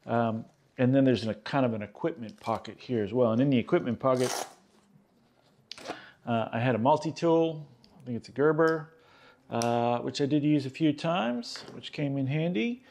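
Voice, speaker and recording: A man in his fifties from Australia, hosting a casual gear vlog and chatting in a relaxed way with lots of "uh"s, recorded at a table in a small room. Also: medium pitch, moderate pace. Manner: relaxed, chatty, many "uh" fillers. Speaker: host. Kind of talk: casual show-and-tell vlog.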